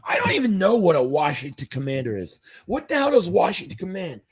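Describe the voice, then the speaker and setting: An upbeat fan hosting a casual sports stream reads chat comments aloud in a brisk, high voice with huge pitch swings. He's losing his voice, and it comes out husky and fading.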